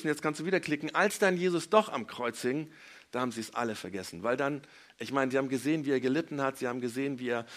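A man leading a children's church service, telling a Bible story in a lively way and acting out the quotes with big swings in loudness. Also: mid-range voice.

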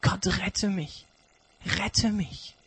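A man's voice: high-pitched, measured pace, creaky, a bit bright, slightly rough, full character voice. A man playing a desperate climber pleading. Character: desperate male mountain climber.

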